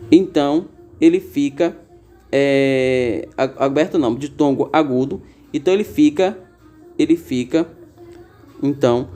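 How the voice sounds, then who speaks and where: Mellow-voiced man explaining grammar. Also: medium pitch. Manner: explanatory, drawn-out example words with fillers. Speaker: Portuguese teacher. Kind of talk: spoken grammar lesson.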